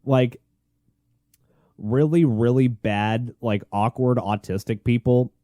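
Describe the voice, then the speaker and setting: A man's voice: medium pitch, steady tone, slow pace, dark tone, no room sound, studio quality. A man hosting a podcast like a shock jock, ranting bluntly and crudely with heavy swearing. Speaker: podcast host. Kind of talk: shock jock radio host monologue, profane ranting.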